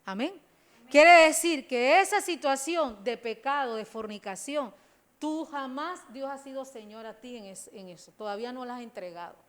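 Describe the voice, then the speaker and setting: Panamanian woman pastor, middle-aged, high voice, emphatic sermon delivery. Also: normal speed. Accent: Panamanian Spanish. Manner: preaching with rising emphatic bursts, addressing listeners as brothers.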